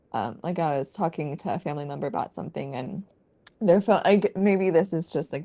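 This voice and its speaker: A woman's voice: lowish voice, warm tone. A woman co-hosting a podcast, talking earnestly and at length about her feelings in a casual chat. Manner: earnest, heartfelt, rambling. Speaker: podcast co-host.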